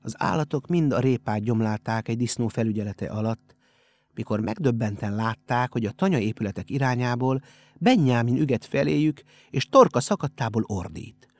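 A man narrating an audiobook in a steady storytelling manner. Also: medium pitch, dry recording. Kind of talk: scripted narration.

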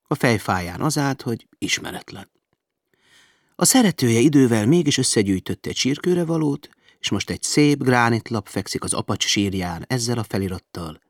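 A man reading a humorous adventure novel aloud with lively, varied emphasis. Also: on the low side, no room sound, studio quality. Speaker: audiobook narrator.

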